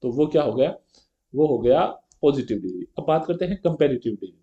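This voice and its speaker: A male grammar teacher teaches an exam-prep lesson step by step, often checking in with a quick rhetorical question and reading example sentences slowly. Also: mid-range voice, expressive, lo-fi sound. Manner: reads English example sentences slowly and carefully.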